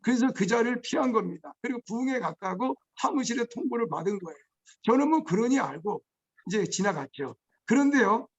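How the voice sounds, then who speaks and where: A male pastor preaching a testimony sermon, moving between hushed storytelling and shouted outbursts. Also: high-pitched. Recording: dull lo-fi recording.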